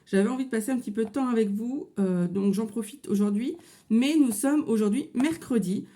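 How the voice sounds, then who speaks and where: A woman with a mellow, slightly high voice and a French accent chats through a craft tutorial. She talks casually, with plenty of fillers, recorded in a home office. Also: a little fast. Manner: chatty, with frequent fillers. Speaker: crafting vlogger.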